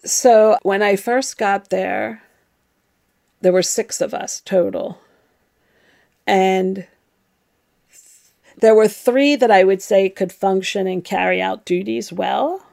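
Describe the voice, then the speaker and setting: Middle-aged woman, a bit of vocal fry, frank reflective storytelling. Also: medium pitch, takes it slowly, pauses often, darkish tone. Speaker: former nun interviewee. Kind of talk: personal storytelling interview.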